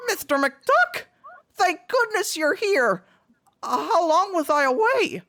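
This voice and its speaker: A woman's voice: extremely high pitch, big pitch swings, slow pace, fairly bright tone, voice pushed up, full character voice. A woman voicing Fenton, an anxious, earnest male duck accountant, flustered and hesitant, in a live comic dub.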